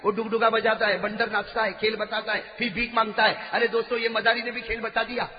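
Man preacher, high-pitched, dramatic sermon storyteller, muffled lo-fi hall sound with long reverb. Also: flat delivery, slight background noise. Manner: dramatic, swinging from hushed to shouting. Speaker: Islamic preacher.

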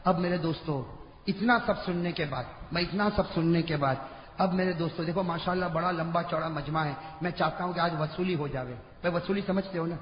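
A man preaching an impassioned sermon to a large gathering, swinging between shouting and hushed talk and prompting the crowd to answer back. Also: a little high, slight background noise. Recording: echoey, dull-sounding hall recording with faint crowd.

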